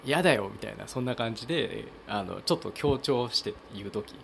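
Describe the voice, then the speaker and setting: A man's voice: fairly low pitch, brisk, creaky, slight background noise. A man from Kochi with a Tosa accent, hosting a casual solo talk and hesitating with many fillers and restarts. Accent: Tosa dialect. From Kochi, Japan. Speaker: podcast host.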